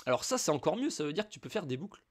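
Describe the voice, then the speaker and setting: Man, fairly high voice, from France, casual tutorial host, chatty, informal, lots of fillers. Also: big pitch swings, racing. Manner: chatty, addresses viewer informally with many fillers. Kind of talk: casual screen-recorded tutorial.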